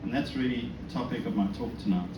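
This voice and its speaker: A fast talker with a medium-pitched voice, the South African man is giving a religious talk to an audience at a synagogue. He keeps things informal, chatty, and self-deprecating, posing rhetorical questions often. The capture is echoey, with a distant mic and a noisy background.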